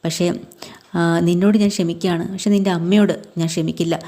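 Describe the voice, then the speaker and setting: A stern husband who feels he has been betrayed for years, read out by a woman. His lines come at a low pitch in a mellow, warm tone. He speaks firmly. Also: steady tone, fast talker, close to an everyday voice.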